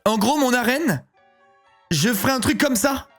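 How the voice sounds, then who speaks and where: A man in his thirties chatting casually on a live stream, excitable and rambling, often breaking into giggles. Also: extremely high pitch, a little slow, soft background music. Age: 30s.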